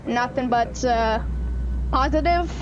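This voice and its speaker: A woman's voice: slow pace, dull audio. An upbeat woman hosting a flight simulator livestream, chatting casually and encouragingly. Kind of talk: casual livestream chat with mock captain announcements. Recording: clear engine rumble behind voice. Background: simulated aircraft cabin rumble.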